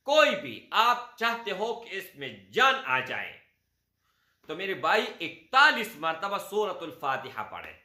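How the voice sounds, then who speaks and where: A man gives religious instruction at an unhurried pace, walking listeners through each step and calling them brother. His voice is very bright and ringing, with a lively rise and fall. The sound carries a roomy echo. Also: a little high. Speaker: spiritual guide.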